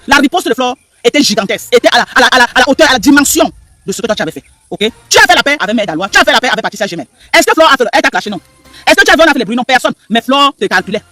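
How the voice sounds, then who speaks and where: Fast, high, bright-voiced man ranting. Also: no echo. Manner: emphatic, repetitive, rhetorical questions to viewers. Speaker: live stream commentator. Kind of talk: animated live stream commentary.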